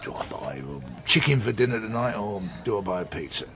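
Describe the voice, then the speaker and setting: In naturalistic radio drama dialogue, a British man plays an opinionated, wry middle-aged police detective who talks insistently and mock-pompously, in a pedantic, insistent mood. His lowish voice is a bit bright, with lively intonation and a fairly quick pace.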